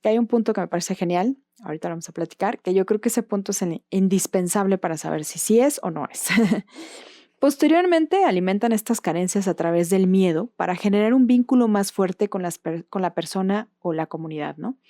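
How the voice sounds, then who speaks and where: A woman's voice: mid-range voice, expressive, fairly quick, warm tone, no room sound, studio quality. A woman with a Mexican accent hosting a podcast, talking in a casual, explanatory monologue and often closing her points with a questioning tag. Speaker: podcast host.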